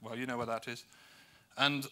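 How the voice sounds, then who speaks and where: A man's voice: mid-range voice, fairly even intonation, moderate pace, bright, forceful tone. A man from the United Kingdom giving a conference presentation, with dry, self-deprecating humour and hesitant fillers between points. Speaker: conference speaker.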